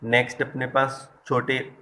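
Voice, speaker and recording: Man, English teacher, flat even voice, stresses example words, hesitant self-corrections. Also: medium pitch, measured pace. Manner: explains step by step and addresses students directly. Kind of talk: online lesson.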